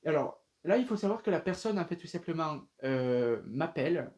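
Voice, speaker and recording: Young guy rambling thru a storytime, voice a bit on the high side, lots of "euh". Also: lively intonation, moderate pace, darkish tone. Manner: rambling, many fillers and restarts; addresses viewers directly. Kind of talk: casual storytime.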